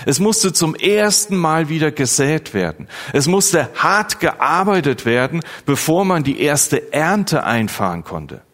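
Slow, earnest preacher in a reverberant hall. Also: male voice, on the high side, very animated, fairly bright tone. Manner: slow, earnest, pastoral address with rising emphasis. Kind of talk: sermon. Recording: long church reverb.

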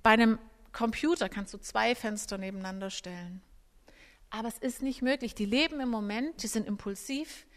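A woman giving a live parenting talk to an audience, animated and acting out little scenes between parents and children. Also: on the high side, moderate pace. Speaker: parenting speaker. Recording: reverberant hall.

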